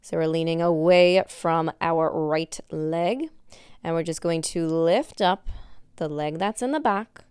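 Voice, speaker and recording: A woman's voice: sits low, unhurried, a little mellow, clean tone, no room sound, studio quality. A young woman instructing an at-home workout like an aerobics instructor, giving encouraging cues as she exercises along. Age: young adult. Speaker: fitness instructor. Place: indoor wood-floored exercise studio.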